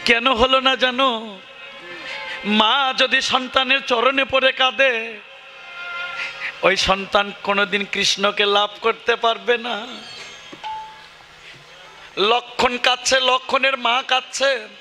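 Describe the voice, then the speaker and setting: A man's voice: very high-pitched, fairly even intonation, takes it slowly, pauses often, bright, forceful tone, faint music behind. A man with a Bangladeshi Bengali accent, telling a devotional story as a kirtan sermon, declaiming and breaking into song. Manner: declamatory, rising into sung, tearful outbursts. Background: musical instruments.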